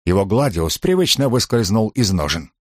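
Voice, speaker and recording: Man, audiobook narrator, low voice, steady dramatic storytelling, dry close recording. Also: normal speed, no room sound. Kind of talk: scripted narration.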